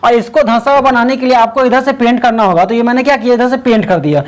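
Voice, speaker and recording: A man's voice: very high-pitched, fast. A young man from Bihar explaining a physics lesson as a teacher, asking himself rhetorical questions as he goes. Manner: repetitive rhetorical questions, sings song snippets.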